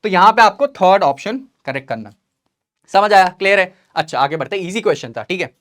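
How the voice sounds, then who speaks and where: A man's voice: high-pitched, animated, brisk, a bit bright. A young man teaching a revision lesson, asking rhetorical questions and checking in often with his students. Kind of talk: exam revision lesson mixing Hindi and English.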